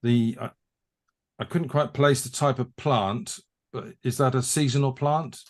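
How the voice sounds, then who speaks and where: A man tutoring a haiku workshop over a video call, talking in halting restarts as he thinks aloud. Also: medium pitch, fairly even intonation. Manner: halting, repeats words while thinking. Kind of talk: conversational teaching.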